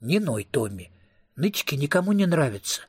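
A husky-voiced man voicing an eager, bossy young female vampire in an audiobook reading. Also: fairly high pitch, big pitch swings, normal speed, dry recording, studio quality. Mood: scolding. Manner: coaxing, teasing.

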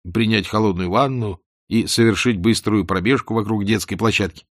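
A man reading a wary, cautious grown man who gives dry, deadpan replies. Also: on the low side, moderate pace, no echo. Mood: wry.

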